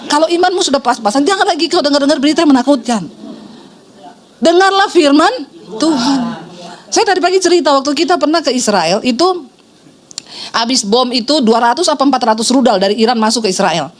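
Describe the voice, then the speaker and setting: A middle-aged woman pastor preaching a sermon, telling a story with lively shifts into the voices of the people she quotes. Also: high voice, a little fast.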